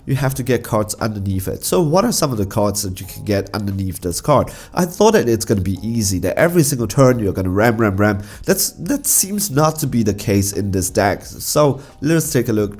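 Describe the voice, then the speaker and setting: A man talks casually about a card game deck, his voice nasal and stuffy from a cold. His voice sits at an ordinary middle pitch and strains a little from coughing. He stammers and restarts as he chats. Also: darkish tone. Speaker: card game channel host.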